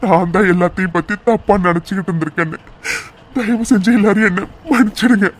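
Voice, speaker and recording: A remorseful cartoon young man, once bitter and alone, now earnestly apologetic, as a man voices him. His voice sits high for a man. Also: fairly even intonation, quick pace. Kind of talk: cartoon voice acting.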